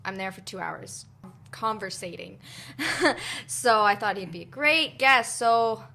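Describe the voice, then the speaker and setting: Bright, bubbly woman podcast host. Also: medium pitch, slow, creaky. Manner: bubbly, laughs often, says "like" a lot. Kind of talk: casual podcast chat.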